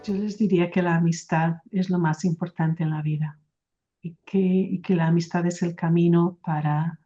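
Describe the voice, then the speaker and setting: Low, steady Portuguese-accented woman. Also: normal speed, muffled recording, faint music behind. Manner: thoughtful, often adds "¿no?" tag questions. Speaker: religious sister. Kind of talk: reflective interview answers.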